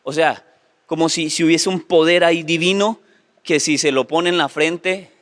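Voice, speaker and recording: Male pastor, high pitch, emphatic live sermon delivery, speaks straight to the congregation. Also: steady tone, normal speed, a bit bright. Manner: emphatic, repeats "sí, señores", addresses congregation directly. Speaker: preacher.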